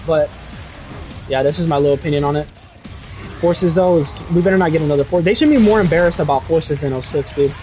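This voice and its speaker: Young man, casual livestream chat, excitable and rambling, slightly high voice, mellow tone, faint music behind. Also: fast talker. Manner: rambling, excitable, says dude and bro a lot. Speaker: streamer reading chat.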